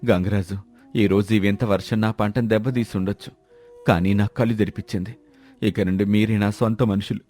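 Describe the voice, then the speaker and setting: A man voicing a proud village farmer who turns remorseful, speaking in a lowered, lamenting voice. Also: steady tone, a little fast, darkish tone, soft background music, close to an everyday voice.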